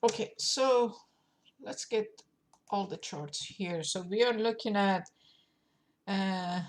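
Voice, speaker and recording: A woman's voice: mid-range voice, takes it slowly. A woman with a cold and a nasal voice, hosting a forex channel and walking through currency charts, thinking aloud. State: has a cold. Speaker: forex trading channel host. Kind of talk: casual market forecast walkthrough.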